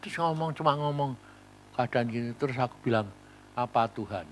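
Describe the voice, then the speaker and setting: A man preaching a sermon, telling stories and acting out conversations, swinging from quiet asides to loud emphasis. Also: mid-range voice, fast talker, slight background noise. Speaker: pastor.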